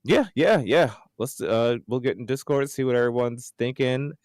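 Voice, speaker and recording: A man co-hosting a casual gaming podcast, rambling and excitable, his voice jumping up high when he jokes. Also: moderate pace, dry recording, studio quality. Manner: excitable, rambling, jumps up in pitch when joking. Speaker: podcast co-host.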